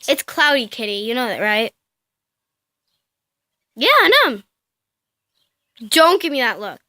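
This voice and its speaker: A woman's voice: fairly high pitch, lively intonation, brisk, pushed and bright, no room sound, studio quality. A female amateur vlogger chatting casually to a pet cat in baby talk, cooing and scolding.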